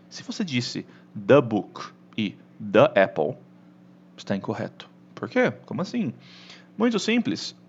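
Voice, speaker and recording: Speaking with a Brazilian Portuguese accent, a medium-pitched man gives an animated online English lesson, frequently checking in with his listener. The recording sounds muffled.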